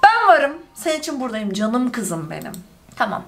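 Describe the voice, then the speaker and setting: A woman's voice: a little high, very animated, moderate pace, slight background noise. A woman hosting a gaming channel, chatting through a let's-play in a talkative, emotional way full of exclamations.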